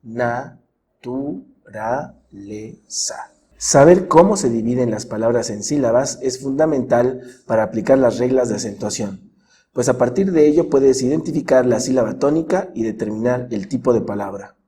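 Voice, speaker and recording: A man gives a scripted grammar lesson in a mellow, relaxed voice. He speaks in a measured way and slows right down on each example word. A faint hiss sits under the recording. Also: mid-range voice. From Mexico. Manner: measured, stretches example words slowly. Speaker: teacher. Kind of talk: scripted educational narration.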